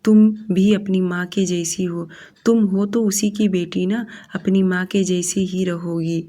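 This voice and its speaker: A resentful middle-aged stepmother hurls blame at her stepdaughter, read by a woman narrator. Her tone is scornful and accusing, and the voice stays soft and mellow and is held a little low. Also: steady tone, a little slow.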